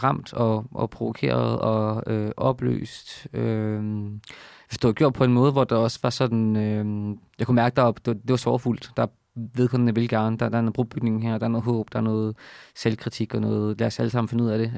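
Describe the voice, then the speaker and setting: A man hosting an interview in a hesitant, reflective way, often pausing to search for words. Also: on the low side, flat delivery, gravelly, darkish tone, no room sound, studio quality. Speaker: podcast host and author.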